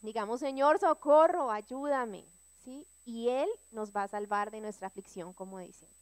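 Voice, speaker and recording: A woman's voice: medium pitch, moderate pace. A woman sharing with her church prayer group, reading scripture aloud and speaking with earnest emphasis. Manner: earnest, rising to emphatic cries when reading.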